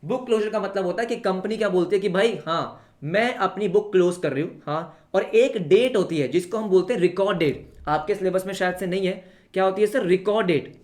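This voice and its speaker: Lively young man teaching class. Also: high-pitched, a little fast. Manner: Hinglish teaching, constant rhetorical questions, addresses students as beta. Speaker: commerce teacher. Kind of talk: live online class lecture. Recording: echoey room.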